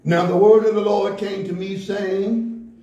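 A man preaching a sermon from the pulpit in rhythmic call-and-response style, building to shouts. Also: sits high, little pitch movement, measured pace, far from the mic, lo-fi sound. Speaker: pastor. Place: church sanctuary, indoors, at a pulpit. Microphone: stand mic at the pulpit, filmed from a far camera. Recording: echoey church room, heard from afar.

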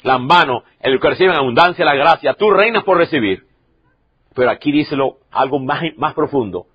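A man in his sixties preaching a sermon as pastor, swinging from loud, emotional preaching to soft, quiet stretches. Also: a little high, expressive, normal speed, husky, lo-fi sound.

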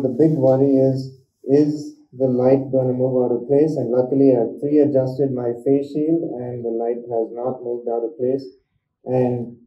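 A man, a dentist, talking through a face mask in a casual review, explaining step by step as he demonstrates. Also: medium pitch. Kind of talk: casual product review vlog. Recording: roomy, dull lo-fi sound.

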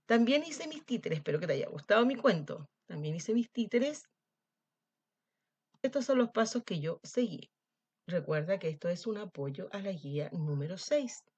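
Woman teacher reading a story, husky. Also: medium pitch, normal speed, muffled recording. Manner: gentle, expressive storytelling. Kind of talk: storybook narration for children.

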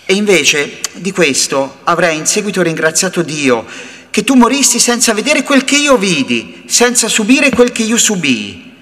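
A man's voice: big pitch swings, moderate pace. Impassioned man reading in a hall. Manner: impassioned, swinging from hushed low lines to raised outbursts. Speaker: reader at a remembrance event. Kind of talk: dramatic literary reading in first person. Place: large university auditorium. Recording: reverberant hall sound.

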